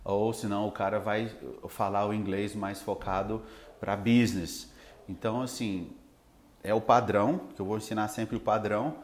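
A Brazilian man who teaches English, talking in a relaxed, rambling way with lots of fillers. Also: on the low side, normal speed, roomy sound. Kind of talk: casual podcast chat.

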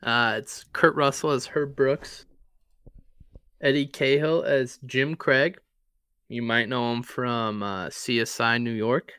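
A man co-hosting a podcast, chatting casually about his favorite movies in a relaxed, rambling way. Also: mid-range voice, slow pace, clean tone, no echo. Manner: relaxed, rambling, with fillers and swearing. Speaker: podcast co-host.

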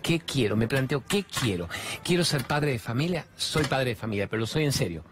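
A man over fifty with an Argentine accent, giving a colloquial, animated spiritual talk to an audience and slipping into voices for quoted speech. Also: mid-range voice, fairly quick, slight background noise. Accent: Argentine Spanish. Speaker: spiritual speaker.

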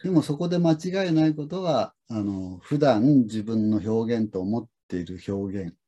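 A middle-aged man with a husky, mellow voice talks in a slow, reflective, rambling way. He hosts a relaxed conversation and fills his stories with pauses and fillers. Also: medium pitch. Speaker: lesson host. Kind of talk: casual conversation.

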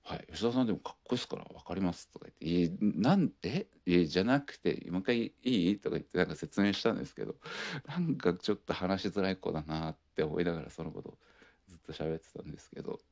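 A man's voice: low-pitched, expressive, quick pace, darkish tone. A young man in his twenties hosting a solo podcast, telling a rambling, laid-back story with lots of fillers. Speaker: podcast host. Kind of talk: casual solo chat.

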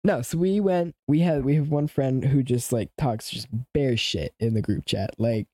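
A man's voice: mid-range voice, normal speed, a little mellow, no room sound. A young man co-hosting a podcast in casual chat, blunt and crude as he tells stories. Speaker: podcast co-host.

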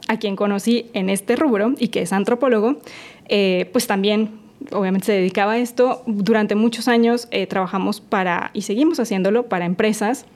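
A woman's voice: mid-range voice, darkish tone. A woman in her forties from Colombia with a Colombian Spanish accent, a guest entrepreneur talking on a podcast interview, chatty and laughing often.

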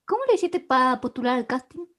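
Woman, high voice, teasing questions, casual chat. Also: expressive, fairly quick, a bit bright.

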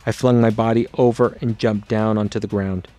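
A man narrating his own memoir as an audiobook in a steady, low-key storytelling delivery. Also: moderate pace, dry recording, faint music behind.

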